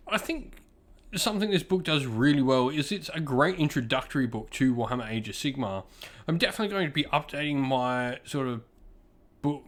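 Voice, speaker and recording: With a medium-pitched voice, a man hosting a channel reviews something informally and with enthusiasm. He puts stress on words and keeps circling back over what he has already said.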